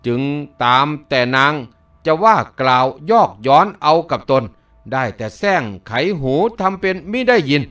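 A man's voice: a little high, sing-song, measured pace, fairly bright tone, clear, resonant tone, distant mic, faint music behind. A man narrating a novel aloud as an audiobook reader.

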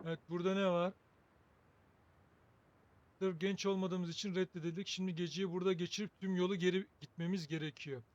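A man with a high voice gives casual commentary on a video game as he plays. He thinks aloud in a wry, joking way, chatting to his viewers. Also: steady tone, fairly quick, pauses often, dull audio. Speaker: gaming video host.

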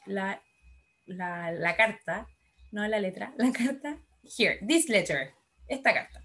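A woman teaching grammar in a recorded online lesson, explaining slowly in a mix of Spanish and English, spelling out letters and checking that her pupils follow. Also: a little high, fairly bright tone.

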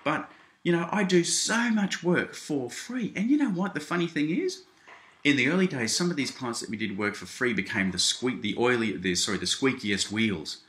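A man's voice: mid-range voice, lively intonation, fairly quick, bright, forceful tone, echoey room. An Australian man speaking straight to the camera from his small home office, calling the listener "mate" and often restarting his sentences. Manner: conversational, keeps addressing the listener as "mate", with frequent restarts. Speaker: seminar presenter. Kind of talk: direct-to-camera video response.

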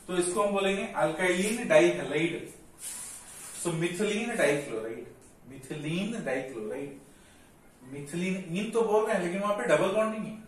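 Guy teaching chem step by step, asks himself questions, on the words, bit of hiss, mic far away. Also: high-pitched. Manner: explains step by step, asking and answering his own questions. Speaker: chemistry teacher. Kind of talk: classroom lecture. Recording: echoey room, mic far off, faint noise.

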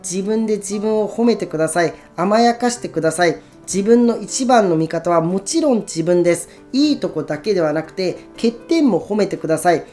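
A woman narrating a book summary in a calm, instructive, even reading voice. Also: mid-range voice, normal speed, few pauses, soft background music. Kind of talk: scripted narration.

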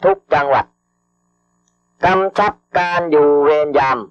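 A man slowly dictating official government orders over radio, formal and measured, repeating each phrase and reading out the punctuation. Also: fairly high pitch, soft background music. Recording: dull lo-fi archival radio broadcast.

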